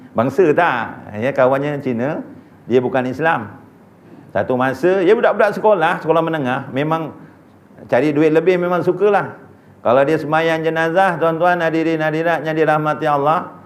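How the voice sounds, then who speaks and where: A male preacher delivering a sermon in an animated, humorous storytelling manner. He keeps turning to address the congregation directly, and his voice sits high for a man. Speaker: religious preacher.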